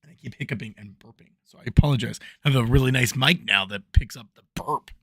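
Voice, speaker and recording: Speaking fast at medium pitch, this man has a somewhat bright tone with a breathy edge and no echo. As dungeon master of a casual tabletop game, he rambles with plenty of ums and false starts, drifting toward and away from his new desk mic so his voice rises and fades.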